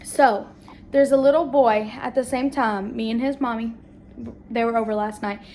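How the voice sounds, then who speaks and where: A woman's voice: fairly high pitch, steady tone, normal speed, darkish tone, slight background noise. A young woman vlogging at home to her phone, with a chatty, rambling way of talking to her viewers. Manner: chatty, rambling, southern-tinged "y'all". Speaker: family vlogger. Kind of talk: casual chat to camera. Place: at home indoors.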